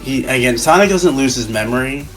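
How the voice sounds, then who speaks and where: A drunk man in a casual fan discussion, rambling and halting as he repeats and restarts his phrases. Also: mid-range voice, lively intonation, rough recording. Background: music.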